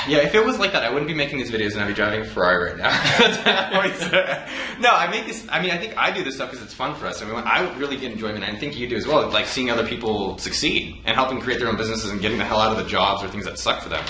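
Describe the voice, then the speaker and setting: Bright and forceful, with medium pitch and lively intonation, this male host gives startup advice in an easygoing chat. He talks quickly and loosely, swears a lot and laughs frequently, in an echoey room with faint background noise.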